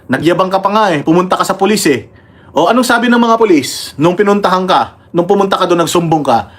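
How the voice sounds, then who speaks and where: A combative man from the Philippines hosts a political livestream, mocking his targets and pausing to thank members and read their comments. His voice sits a little higher than most men's, and he talks in a casual, heated way. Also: animated.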